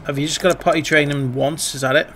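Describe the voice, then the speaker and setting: A man's voice: a little high, steady tone, fast, fairly bright tone, slight background noise. Wry man chatting over a game. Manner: wry, chatty, swears casually. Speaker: streamer. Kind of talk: casual gameplay commentary.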